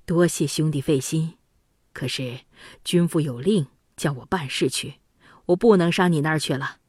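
A woman's voice: deep voice, moderate pace, darkish tone, slightly rough, dry recording, studio quality. A woman voicing a loyal young prince, an elder brother who pleads and cries out in grief, in a storybook reading. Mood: earnest.

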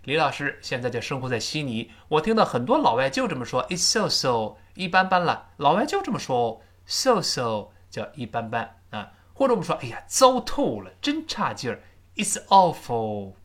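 A teacher giving a spoken English lesson, explaining in Chinese and repeating each phrase slowly for learners to copy. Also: medium pitch, wildly swooping pitch. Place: lives abroad, teaching remotely.

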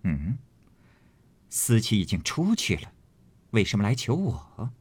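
A man voicing a sharp-tongued noble lady of the house, speaking in brisk, mildly scornful remarks from a classic novel. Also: on the low side, huge pitch swings, husky, exaggerated voice. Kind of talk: storytelling reading of a classic novel.

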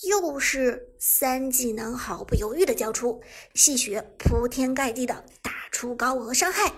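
Woman reading a web novel audiobook, breathy husky voice, kinda high, brisk dramatic narration.

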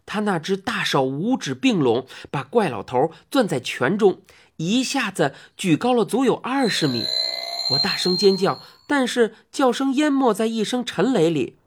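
A narrator telling a children's fantasy story in expressive audiobook narration. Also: mid-range voice, normal speed, slightly rough. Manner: lively, animated storytelling.

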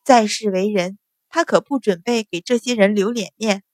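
Young noblewoman, read by a woman, cool, mocking, unhurried, dry close sound. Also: mid-range voice, no room sound, lightly acted.

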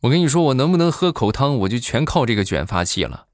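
一位男士扮演的年轻妻子，嘴快又不服气，连珠炮似地数落丈夫。声音比他平时高出不少，语调起伏很大。. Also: male voice, medium pitch, sing-song, fast, background noise, voice pushed up, lightly acted. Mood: indignant. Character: sharp-tongued young wife, quick to scold.

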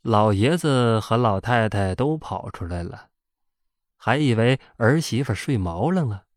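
A man narrating a folk ghost story in an animated, colloquial way. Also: on the low side, measured pace, dry recording, studio quality.

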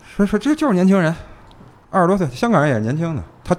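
Here the man with the Beijing accent sounds high-pitched, with big pitch swings and a quick pace. A police officer guest, he tells case stories casually, repeating phrases and tossing in rhetorical questions.

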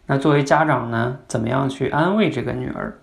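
Gravelly-voiced man hosting a podcast. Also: medium pitch, brisk. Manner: conversational, asks listeners questions. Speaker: podcast host teaching communication. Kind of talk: explanatory podcast talk.

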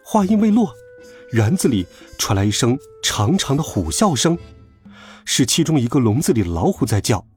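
A man narrating a children's story with a lively, expressive reading. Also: mid-range voice, moderate pace, soft background music.

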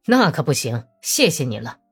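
A woman's voice: rumbling low, big pitch swings, normal speed, breathy edge, soft background music, voice pushed down, exaggerated voice. A woman voicing a blunt, hot-tempered male Cossack officer who speaks in curt, threatening words. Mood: angry.

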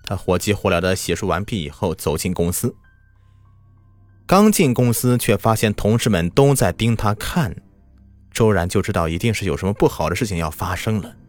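A man's voice: lowish voice, lively intonation, normal speed. A man telling a scripted horror story in a dramatic style that builds tension, over background music.

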